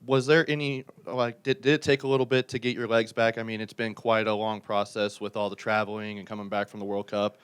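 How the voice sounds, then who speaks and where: A man's voice: lowish voice, level tone, fairly quick, hardly any pauses, clean tone. A man reporter at a press conference, searching for words and restarting as he asks his question.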